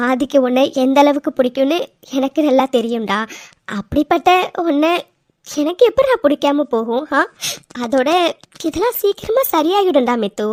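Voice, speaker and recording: A woman voicing an affectionate elderly grandmother in an animated serial, coaxing and reassuring, often ending lines with little tag questions. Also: sits high, no room sound, studio quality.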